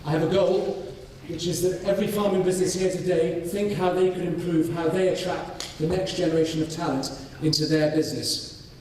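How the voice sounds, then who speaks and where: A man's voice: sits high, fairly even intonation, a little mellow, far from the mic, a little hiss or hum. Man speaking in an echoey hall. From North Wales. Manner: measured, with frequent ums and restarts. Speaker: farming scholar presenting his study. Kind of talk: conference presentation.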